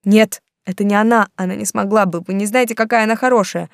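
A woman's voice: on the low side, steady tone, moderate pace, darkish tone, no echo, studio quality, close to an everyday voice. A woman voicing an agitated, defiant young man in love, in an audiobook. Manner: agitated, outbursts.

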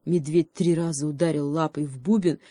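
Give me a low, warm woman's voice for a calm fairy-tale reading. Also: moderate pace, dry recording. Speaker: audiobook reader.

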